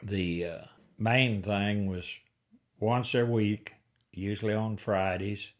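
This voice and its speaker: A man's voice: fairly low pitch, fairly even intonation, slow pace. Elderly man with an Ozark Appalachian-style accent. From rural Missouri Ozarks, United States. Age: 80s. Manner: folksy rural storytelling, plain-spoken. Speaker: interviewee. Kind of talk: oral history reminiscence.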